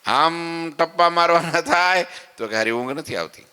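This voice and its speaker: A man preaches in a folksy, conversational way, now and then slipping into the voices of his listeners. His tone is bright and forceful. A long hall reverb trails each phrase. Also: on the high side, moderate pace, clean tone. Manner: folksy and conversational, acting out devotees' complaints and asking "samajya?". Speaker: swami giving morning katha. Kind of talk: devotional sermon. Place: temple hall.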